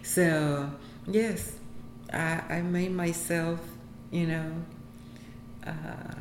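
A woman from Puerto Rico whose first language is Spanish speaks English with a Puerto Rican accent, answering interview questions in a halting way with many fillers and laughs. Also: low voice, steady tone. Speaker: interviewee, health center employee. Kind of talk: casual interview. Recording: echoey room, faint background noise.

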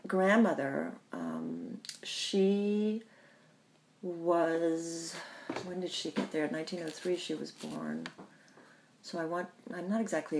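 A woman who grew up in the Bahamas, telling her family history in an interview, thoughtful and pausing often. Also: low voice, darkish tone. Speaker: interview guest. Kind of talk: reflective personal storytelling.

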